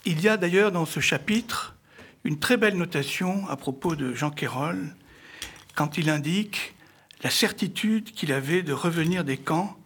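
A middle-aged man presenting an author's book to an audience in formal, literary phrasing, with halting, hesitant delivery and a husky voice. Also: on the high side, expressive, a bit bright. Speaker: speaker introducing an author's book. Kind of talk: semi-prepared public book presentation.

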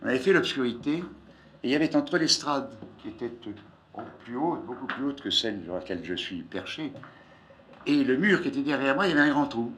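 A man's voice: medium pitch, animated, fairly quick, a bit bright, slight background noise. An older man giving an informal, discursive lecture, often breaking off mid-phrase, on an old archive tape. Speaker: scientist giving a public lecture. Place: lecture hall, speaking from a raised platform.

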